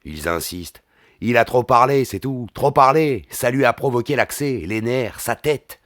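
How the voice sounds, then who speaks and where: A man narrating a literary audiobook with a lively, theatrical delivery and slangy asides. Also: medium pitch, moderate pace, dry recording, clean studio sound.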